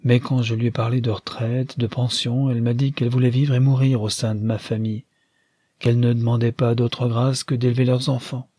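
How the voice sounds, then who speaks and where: A man's voice: mid-range voice, little pitch movement, fairly quick, warm tone, breathy edge, no echo, close to an everyday voice. A man reading aloud, voicing an anxious, helpless widowed old father who frets in a plaintive way. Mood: fretful. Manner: plaintive, fussing.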